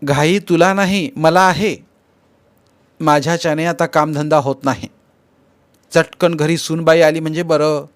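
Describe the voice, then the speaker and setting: Man doing an old mother, nagging, insistent, pitched higher than his own voice. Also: fairly even intonation, measured pace, long pauses, clear, resonant tone, dry recording, lightly acted. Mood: pleading. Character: aging mother, anxious for her son's marriage.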